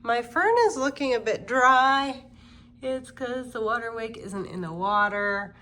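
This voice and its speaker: The woman's voice sits on the high side and she takes her time. She hosts a plant channel, sounds congested from a cold, and casually chats with fillers while walking through the rooms of her home for a home-tour vlog.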